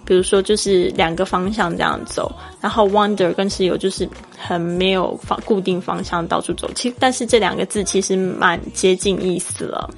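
A woman's voice: mid-range voice, fairly even intonation, normal speed, gravelly, hardly any pauses, soft background music. A woman from Taiwan with a Taiwanese Mandarin accent, hosting a podcast English lesson in a chatty, explaining way and spelling words out letter by letter. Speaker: English teacher and podcast host.

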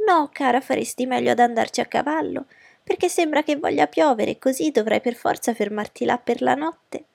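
A woman's voice: sits high, fairly quick, gravelly, a little mellow, no echo, voice pushed up, heavily acted. Woman putting on a gushing, fussy mother. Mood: coaxing. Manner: eager, gushing, pushy. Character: fussy excitable middle-aged mother. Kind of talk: audiobook character voice.

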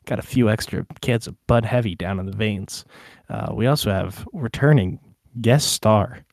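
A man's voice: fairly low pitch, a little mellow, dry recording, studio quality. A man hosting a casual podcast, introducing players with loose, swearing jokes. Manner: slow, loose, swearing, joking. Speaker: podcast host.

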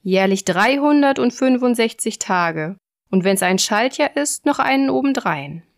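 A woman voicing a huge, dim-witted male giant who grumbles slowly into his beard. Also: lively intonation. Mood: grumbling. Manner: slow, low, grumbling.

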